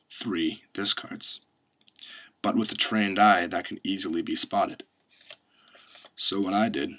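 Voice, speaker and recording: A man's voice: sits low, pushed and bright. A man presenting a step-by-step magic tutorial, instructing and reciting card magician patter as he demonstrates.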